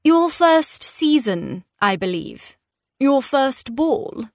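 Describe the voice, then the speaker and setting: A cold, haughty aristocratic lady who drawls every word in bored tones, as a woman reader puts her on. Her speech is slow and disdainful. The sound is dry and close. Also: a little high, a bit bright, dry recording.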